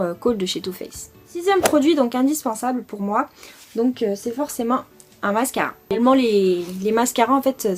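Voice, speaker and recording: A woman's voice: fairly high pitch, darkish tone. A young French woman chatting casually through a makeup product review, enthusiastic and full of fillers. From France. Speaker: beauty vlogger.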